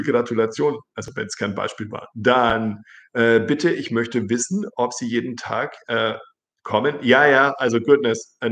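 Middle-aged man with a gravelly voice, teaching German. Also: mid-range voice, a bit bright. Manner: reads comments aloud and corrects them, chatty. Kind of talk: live-stream lesson reading viewer comments. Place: indoor living room with a large plant.

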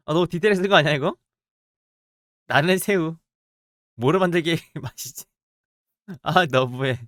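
A game streamer with a mid-range voice chats casually in clean studio sound with no echo, speaking a little slowly and pausing often. They mutter to themselves and react playfully while drawing in a party game.

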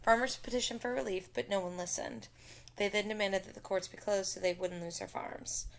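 A woman teaches a history lesson, narrating over slides and speaking directly to her students. Her voice sits at a middle pitch with a gravelly, fry-edged texture, and her delivery is steady and explanatory. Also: brisk.

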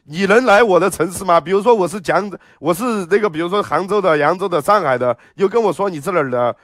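A man's voice: high-pitched, quick pace, fairly bright tone, no echo, studio quality. A man with a Sichuan accent livestreaming, reading viewer comments and ranting with heavy swearing. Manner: profane, ranting; reads viewer comments aloud. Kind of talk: livestream chat.

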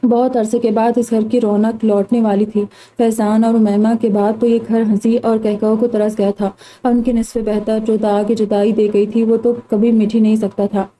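A woman narrating a romance novel in steady, scripted reading. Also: a little high, normal speed, hardly any pauses, poor audio. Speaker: audiobook narrator.

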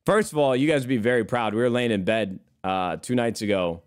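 A man's voice: mid-range voice, fairly quick, smooth. Rambling, cursing streamer guy. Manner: rambling, profane, calls listeners brother. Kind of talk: casual chat.

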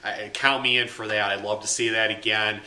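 Man, thirties, sports writer, postmatch analysis, conversational, piercing bright tone, roomy echo. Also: fairly low pitch, steady tone, brisk. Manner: conversational, uses fillers, gestures with hands. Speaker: high school sports beat writer. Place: small plain room indoors.

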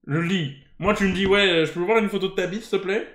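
A man's voice: high-pitched, steady tone, quick pace, fairly bright tone, reverberant. A young man reacting to a video in casual, mocking street slang. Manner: slangy banlieue French street talk, mocking. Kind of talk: casual live reaction commentary. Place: indoor room at home, on webcam.

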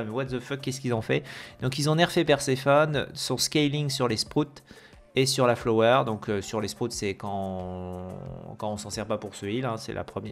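Hesitant man talking through game patch notes. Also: medium pitch. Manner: hesitant, many fillers and self-corrections; reads English terms with a heavy French accent. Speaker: gaming video host.

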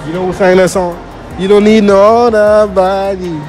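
A man's voice: high-pitched, fairly even intonation, moderate pace, darkish tone. A young Nigerian man hosting a casual street quiz in a shopping mall, friendly and teasing, singing bits of songs. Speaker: street interviewer and channel host. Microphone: handheld phone. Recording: busy mall with crowd and music.

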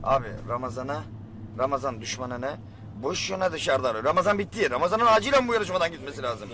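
A man's voice: on the high side, expressive, fast talker, sharp tone, slight background noise. A man in casual chat, sounding indignant and combative about rivals. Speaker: reality show contestant. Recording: music playing underneath.

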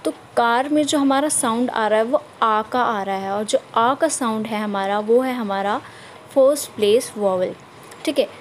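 A fairly high-voiced woman talks viewers through a shorthand lesson over her screen, one step at a time. She checks in often to make sure they are following. A steady hiss runs under the recording. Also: a little slow, poor audio. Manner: patient step-by-step explaining with frequent check-ins. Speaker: shorthand teacher. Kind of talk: screen-recorded tutorial explanation.

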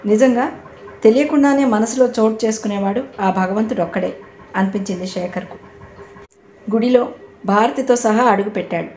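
A woman reading an audio novel aloud in a calm, steady storytelling manner. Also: mid-range voice, normal speed, long pauses. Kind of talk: scripted narration. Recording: echoey room, faint background noise.

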